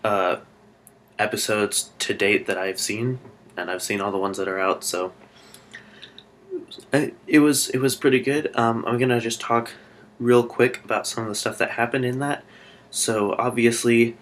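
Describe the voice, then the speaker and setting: Excitable rambling male vlogger. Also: on the low side, a little slow. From Alaska. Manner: rambling and excitable, with many fillers and restarts. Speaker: YouTuber reviewing a TV episode. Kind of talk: casual spoken review vlog.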